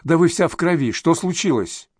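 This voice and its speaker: A male narrator voicing a calm, kindly middle-aged doctor who speaks in a soothing, reassuring way. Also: fairly high pitch, normal speed, slightly rough, no echo, studio quality, pitched above the performer's own voice.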